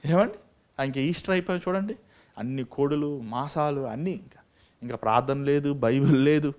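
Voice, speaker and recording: A fervent male evangelist delivers a sermon from the pulpit, his voice sitting a little higher than most men's. He keeps firing rhetorical questions at the congregation and swings between muttered asides and loud, pressing appeals. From India. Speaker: evangelist preacher. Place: church or prayer meeting.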